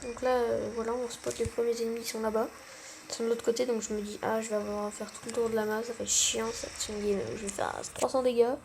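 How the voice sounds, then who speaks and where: A woman's voice: on the high side, level tone, quick pace, creaky, a little mellow, a little hiss or hum. A young woman giving casual, self-mocking gameplay commentary, full of gamer slang. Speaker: gaming channel host.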